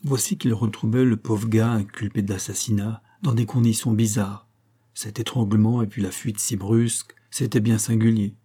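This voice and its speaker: A man narrating an audiobook in a measured, even storytelling manner. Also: on the low side, slightly rough. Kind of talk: scripted narration.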